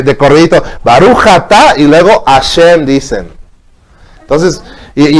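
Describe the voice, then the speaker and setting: A man's voice: a little high, a little mellow. A man teaching a religious lesson, explaining patiently and checking in with his listeners often.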